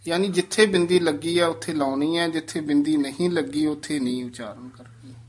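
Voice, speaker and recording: A man teaching scripture recitation, correcting pronunciation and modeling each word slowly and carefully. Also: fairly high pitch, fairly even intonation. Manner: slow, deliberate, models each word syllable by syllable.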